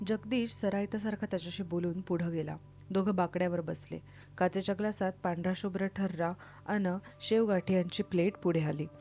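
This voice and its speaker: Mellow-voiced woman reading a novel aloud, calm and even, faint music. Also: on the low side, muffled recording. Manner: steady, measured storytelling. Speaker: reader.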